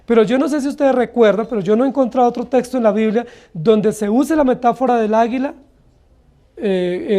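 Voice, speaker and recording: A Colombian-accented man delivers an expository sermon from the pulpit with a mellow, warm tone. He preaches earnestly and keeps asking the congregation rhetorical questions. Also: high-pitched. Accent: Colombian Spanish. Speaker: pastor.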